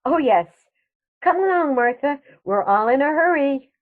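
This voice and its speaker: Over a thin, phone-like recording comes a prim old aunt, played by a woman. She is genteel yet firm and a little flustered, with a highish, expressive voice in radio comedy style. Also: unhurried, slight background noise. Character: prim elderly aunt, polite but firm. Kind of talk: stage comedy radio acting. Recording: thin phone-like band-limited sound.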